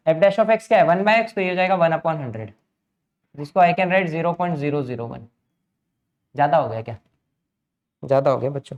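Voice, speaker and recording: A man, teaching maths in a brisk lecture and coaxing students through each step. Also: on the high side, darkish tone, muffled recording. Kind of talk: lecture mixing Hindi and English.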